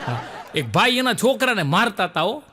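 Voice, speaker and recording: A man telling jokes on stage, quick rural punchlines, jumping in pitch for the characters he quotes. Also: sing-song, sharp tone, a little hiss or hum. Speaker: stand-up joke teller. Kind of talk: comic storytelling.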